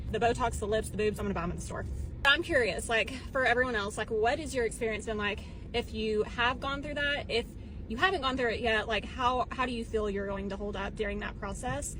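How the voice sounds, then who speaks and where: A woman's voice: mid-range voice, noisy background. A woman in casual reflective chat who leans heavily on "like" and mocks herself. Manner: chatty, leans heavily on "like", self-mocking. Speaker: vlogger.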